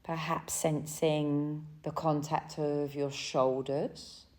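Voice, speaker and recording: Pausing between short, gentle phrases, a woman teaching yoga nidra talks her listeners through a guided relaxation. She has a deep voice with a level tone and a soothing delivery.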